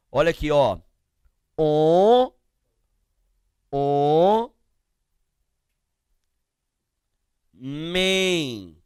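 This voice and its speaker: A middle-aged Brazilian man teaching grammar to a class, slow and emphatic, asking questions and answering them himself as he spells out letters and sounds. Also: sits high, clean tone, no echo, clean studio sound. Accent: Brazilian Portuguese.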